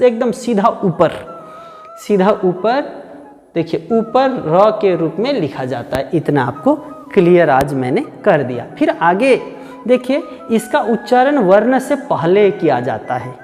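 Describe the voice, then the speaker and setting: A man teaching a grammar lesson, slow and patient, repeating each sound aloud several times. His pitch swings a lot as he stresses examples. The sound carries a long reverb, with faint music underneath. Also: sing-song, a little mellow. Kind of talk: exam-prep grammar lesson.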